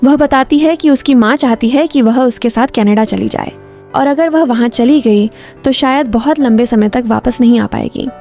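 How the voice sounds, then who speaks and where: A woman narrating a drama recap in a smooth, even storytelling delivery. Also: on the high side, moderate pace, soft background music.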